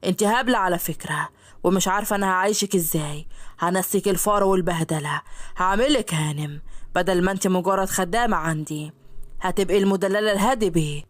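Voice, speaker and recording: A woman doing a pushy, smooth-talking rich playboy with an Egyptian accent. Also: fairly low pitch, fast talker, dry recording, close to an everyday voice. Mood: coaxing. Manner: coaxing, smooth and persuasive.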